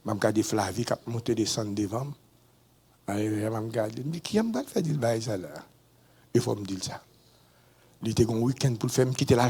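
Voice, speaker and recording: This Haitian-accented pastor gives a testimony in a sermon, his gravelly, breathy voice lurching between quiet murmurs and abrupt high-pitched shouts.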